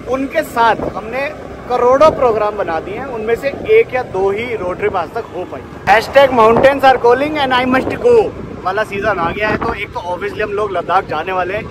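A man in his thirties, a motorcycle vlogger, chatting casually and teasing his friends, filmed on an action camera held at arm's length. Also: very high voice. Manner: teasing, jokey banter. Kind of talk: casual vlog chat. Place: city street outdoors, then parking basement. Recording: street noise behind.

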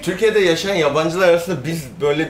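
A man's voice: fairly high pitch, quick pace. A young man from South Korea with a Korean accent, co-hosting a casual chat full of banter. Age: young adult. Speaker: co-host. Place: indoor lounge set on a sofa. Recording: echoey room, faint noise.

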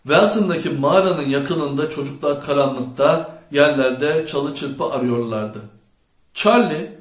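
A man narrating a novel as an audiobook reader, with measured, even storytelling. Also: on the high side. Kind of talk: scripted narration. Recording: roomy echo.

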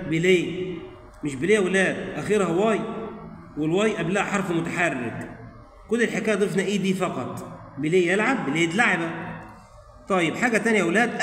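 A man's voice: sits high, a bit bright, echoey room, big-room sound. A man teaching an English grammar lesson in Egyptian Arabic, repeating each word pair twice and talking straight to his pupils. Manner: keeps addressing the pupils directly. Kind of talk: classroom-style grammar lesson.

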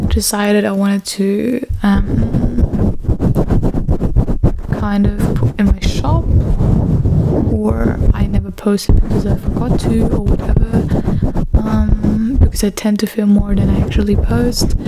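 A young adult woman in a casual ASMR ramble, hesitant and repeating words, close to the microphone. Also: medium pitch. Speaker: ASMR video creator. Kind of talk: soft-spoken casual ASMR chat. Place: dim room at home. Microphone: large microphone right at the mouth. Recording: noisy close-mic recording with clicks.

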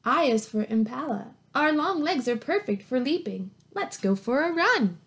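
This teacher in her thirties has a high, animated voice and reads at a normal speed. She shares a picture book with young children in an encouraging, sing-song manner, with simple questions and praise along the way, from a small plain room at home on a webcam or laptop mic held at arm's length.

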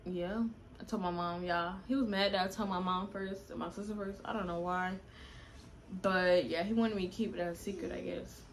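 A woman's voice: medium pitch, steady tone, moderate pace. Young woman vlogger, casual and chatty, mid-range voice, faint home noise behind. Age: young adult. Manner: chatty, addresses viewers as y'all. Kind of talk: casual storytime.

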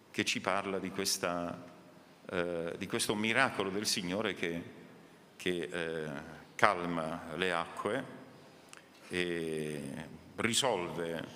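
A man preaching at a worship service, reading scripture aloud and leading prayer in a slow, measured way. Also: sits low, pushed and bright, slight background noise. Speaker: pastor. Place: church hall during a worship service. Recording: reverberant church hall.

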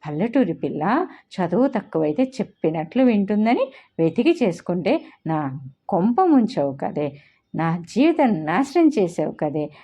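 A woman's voice: mid-range voice, sing-song, moderate pace, husky. A woman narrator voicing a bossy, short-tempered young husband who scolds and barks orders, in a storybook reading. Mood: furious. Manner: scolding, commanding, shouting. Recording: dull lo-fi recording.

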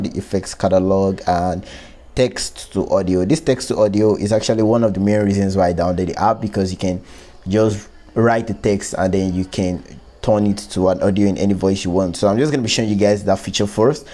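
In a casual screen recording, a male host walks through an app step by step, keeping things informal. His low voice is steady and warm, his delivery brisk, and he records voice-over on a close one-way microphone.

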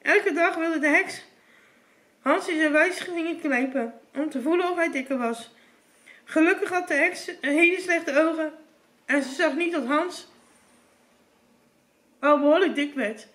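A woman's voice: high voice, a little slow, pauses often, a bit bright. A woman reading a fairy tale aloud, often stumbling and restarting. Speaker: storyteller.

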